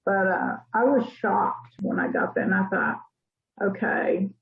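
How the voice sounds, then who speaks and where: A woman from Arkansas telling stories from her life in an interview, in a thoughtful, unhurried way. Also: medium pitch, sing-song, gravelly. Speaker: interviewee, church member. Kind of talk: casual storytelling interview. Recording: tinny phone-like line.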